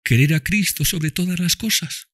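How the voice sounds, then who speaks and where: Male reader as a frail, gentle little girl, high and soft, storybook reading. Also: normal speed. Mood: earnest.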